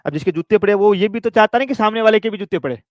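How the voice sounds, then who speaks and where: A man's voice: sits high, dry recording. A man teaching an exam coaching class, telling a playful story and calling his students dear children. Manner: dictates notes slowly with repetition.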